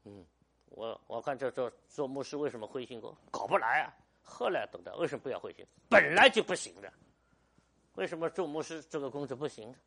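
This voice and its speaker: Older man preaching with lively pitch. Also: fairly quick, vocal fry. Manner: emphatic, rhetorical questions, storytelling. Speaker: pastor. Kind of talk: sermon.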